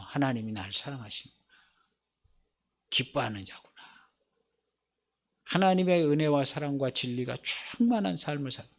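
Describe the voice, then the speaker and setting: A middle-aged male pastor with a high-pitched voice preaches a Sunday sermon. He acts out dialogue in his preaching, rising to loud, pressing challenges and then dropping to quiet murmurs.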